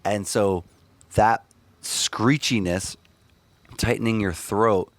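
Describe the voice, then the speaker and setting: A middle-aged man, a screaming vocalist, telling stories in a casual, animated interview with many restarts. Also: low voice, no echo, studio quality. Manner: rambling, animated storytelling with restarts.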